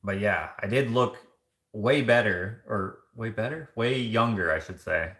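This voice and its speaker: A man's voice: on the low side, a little slow, fairly bright tone, roomy sound. A man hosting a casual live vlog, chatting loosely and rambling with many fillers and restarts as he reads viewer comments. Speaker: vlogger.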